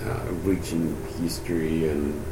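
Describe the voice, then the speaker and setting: A man in his sixties from Peru, a Spanish speaker answering oral history questions about his life in a halting way with many restarts. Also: rumbling low. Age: 60s. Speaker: interviewee, university economist. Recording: steady background hiss.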